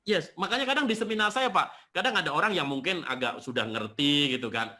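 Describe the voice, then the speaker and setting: Bright, lively man telling stories. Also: on the high side, brisk. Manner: animated storyteller, acts out quotes. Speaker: seminar host and business trainer. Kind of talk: casual seminar talk, storytelling.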